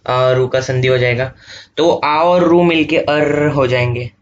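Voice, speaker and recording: A man teaching an online revision lesson, explaining slowly and repeating each step, checking often that students follow. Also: mid-range voice, muffled recording. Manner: slow, repetitive explaining with frequent checks.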